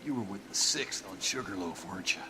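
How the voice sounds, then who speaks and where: An eerily calm, fervent war veteran. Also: male voice, low voice, a little fast, full character voice. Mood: eerie calm. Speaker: video game character. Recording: game audio with loud background noise.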